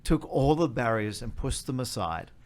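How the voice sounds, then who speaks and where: A man's voice: mid-range voice, expressive, moderate pace, darkish tone. Australian-accented man explaining things step by step. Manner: explains step by step, emphasizing and repeating key points. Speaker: charity leader being interviewed. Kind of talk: explanatory interview talk.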